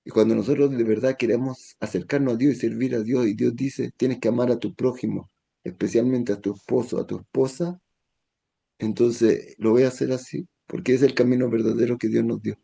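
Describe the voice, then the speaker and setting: Gravelly-voiced rabbi giving a lesson. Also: male voice, medium pitch, steady tone, a little fast. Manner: gentle teaching tone, acts out quoted voices. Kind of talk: Torah lesson.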